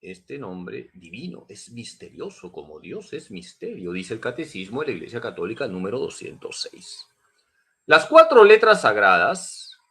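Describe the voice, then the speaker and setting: A man's voice: medium pitch, sharp tone, breathy edge. A man, a priest, teaching a catechism class, emphatic and repeating key points as he addresses his listeners as brothers.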